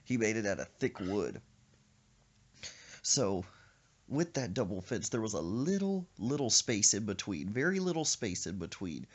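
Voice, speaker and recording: A man hosting a podcast, telling a rambling, animated comic story. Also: fairly low pitch, a little slow, breathy edge. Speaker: podcast host.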